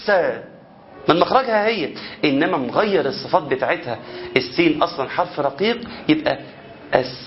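A man's voice: a little high, lively intonation, fast talker, muffled recording. A man with an Egyptian Arabic accent teaching Quran recitation, who keeps asking rhetorical questions and demonstrating how letters should sound. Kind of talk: spoken lesson on tajweed.

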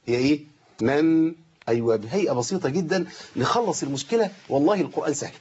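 A man's voice: a little high, lively intonation, fast, darkish tone, breathy edge, muffled recording. A man with an Egyptian accent teaching Quran recitation on a live show, stretching out demonstration phrases and quizzing his students. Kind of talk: live TV recitation lesson with call-ins.

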